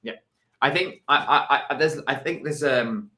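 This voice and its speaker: A man co-hosting a live stream, tired and given to yawning. He talks in a measured, hesitant way with frequent ums. His voice sits at a middle pitch for a man. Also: pushed and bright. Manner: measured, hesitant, many fillers. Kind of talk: casual live-stream commentary.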